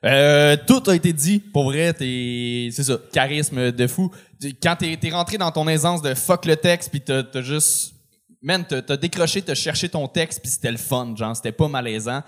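A man with a Quebec French accent giving loose, slangy, halting feedback to a comedian as host. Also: fairly high pitch.

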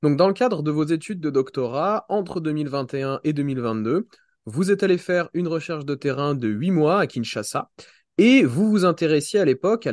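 A man's voice: a little high, a little mellow, dry recording. English-accented male co-host, dry sound. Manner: formal, reads a prepared introduction. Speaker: podcast co-host. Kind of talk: introducing a guest.

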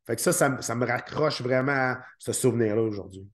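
A man with a Québécois French accent, a former fighter as a podcast guest, talking in a halting way and often repeating his words. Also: medium pitch. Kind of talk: podcast interview.

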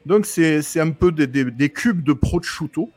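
Cheeky man with a high voice. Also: animated, measured pace, darkish tone, no room sound. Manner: mock-grand, cheeky, crude jokes. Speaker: guest co-host of a cooking podcast. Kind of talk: playful podcast chat.

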